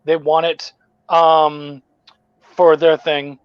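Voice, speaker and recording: A man's voice: fairly high pitch, very slow, clear, resonant tone, dry recording, lo-fi sound. A man, a comic book writer guesting on a podcast, telling a story in casual chat with lots of swearing and restarts. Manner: profane, rambling, animated retelling with restarts.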